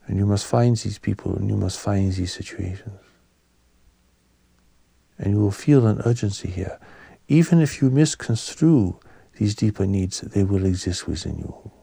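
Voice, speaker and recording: A man giving a spiritual sermon as a teacher, calm, gentle and solemn, in measured short phrases, his soft voice turning breathy at phrase ends. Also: on the low side, dry recording.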